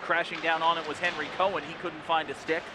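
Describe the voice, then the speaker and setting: A man's voice: on the high side, level tone, fast. A man doing live play-by-play of ice hockey in short, clipped phrases that follow the play. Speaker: play-by-play announcer. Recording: noisy ice rink broadcast. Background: loud rink ambience.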